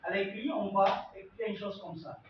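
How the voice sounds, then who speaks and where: A man teaching a French class, slowly repeating phrases and examples for his learners. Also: sits high, steady tone, a little hiss or hum. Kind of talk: classroom language lesson. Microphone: far from the mic. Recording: echoey classroom from far off, dull lo-fi sound.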